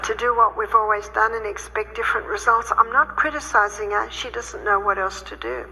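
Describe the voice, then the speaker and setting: A woman health educator telling stories in a lecture, animated and acting out the people she quotes. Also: mid-range voice, brisk. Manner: animated, acts out quoted speakers. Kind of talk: storytelling lecture. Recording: reverberant hall with faint noise.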